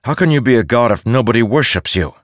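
A weary, defiant young soldier, voiced by a male narrator. He speaks firmly and earnestly, and his pitch moves with a lively swing. The sound is dry and close. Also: fast, no room sound, natural voice. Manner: earnest, firm.

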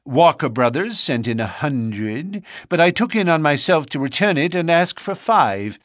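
A man's voice: a little high, very animated, unhurried, fairly bright tone, no echo, voice pushed up. A man playing a callous lodge treasurer who boasts in a raised, brash voice. The storybook reading has a close, dry sound. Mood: boastful.

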